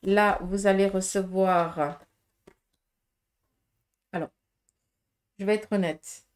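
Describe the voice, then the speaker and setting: A woman's voice: mid-range voice, steady tone, slow. A woman with a Swiss French accent giving a casual tarot reading to viewers, talking in a direct, frank way with many fillers and tag questions. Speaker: tarot reader.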